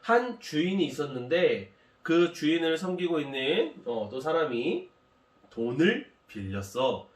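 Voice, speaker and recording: A pastor telling a parable to children in an animated, explanatory storytelling manner. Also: male voice, on the high side, measured pace. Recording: echoey room from far off.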